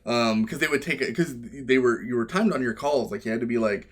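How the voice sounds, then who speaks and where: A man telling stories in a casual interview, swearing freely and jumping into quoted voices. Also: fairly quick. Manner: animated, acts out quoted voices with big pitch jumps, swears freely. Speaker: guest, wrestler and former game tester. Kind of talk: casual storytelling.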